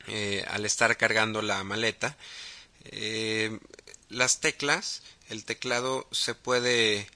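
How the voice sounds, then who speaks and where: Slow, bright-voiced Mexican podcast host. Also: male voice, fairly low pitch, steady tone. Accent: Mexican Spanish. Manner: halting, many fillers and restarts. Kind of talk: casual podcast talk.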